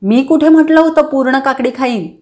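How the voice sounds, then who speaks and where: Woman doing a brash young man, stubborn, taunting, high-ish storybook voice. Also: brisk, darkish tone, natural voice. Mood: cocky. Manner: cocky and insistent. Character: boastful, stubborn young man making a bet.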